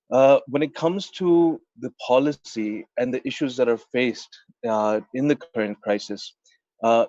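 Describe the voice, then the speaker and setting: A man's voice: medium pitch, a little mellow, no echo. Pakistani guy doctor giving a talk on a video call, kinda muffled dry sound. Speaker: intensive care doctor, guest speaker. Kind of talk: prepared talk on an online meeting. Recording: dull, lo-fi video call audio.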